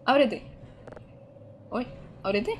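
A woman's voice: on the high side, animated, very slow, background noise. A woman, streaming a video game live, chatting casually, laughing often and reading chat aloud.

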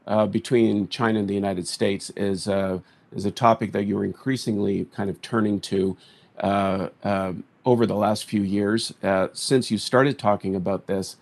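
A middle-aged man moderating a conference discussion over a video call from a home study, speaking haltingly with many fillers and restarts. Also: fairly low pitch, steady tone, a little mellow. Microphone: video call with earphone mic.

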